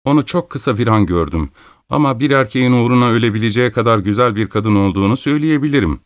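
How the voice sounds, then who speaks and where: A man narrating a classic detective story in the first person, in a measured storytelling manner. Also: mid-range voice, lively intonation, dry recording, studio quality. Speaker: audiobook narrator.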